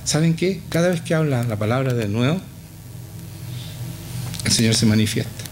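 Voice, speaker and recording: A middle-aged man with a Chilean Spanish accent preaching a passionate sermon in a church, swinging from low to high with emphatic repetition. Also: animated, moderate pace, darkish tone, slight background noise. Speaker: pastor.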